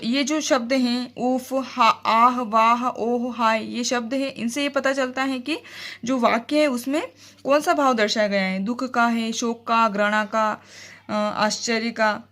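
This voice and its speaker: A woman teaches a Hindi grammar lesson to her students, and her voice sits a little on the high side. She explains each point patiently, checks in with her class again and again, and reads her example sentences slowly and expressively. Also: a bit bright.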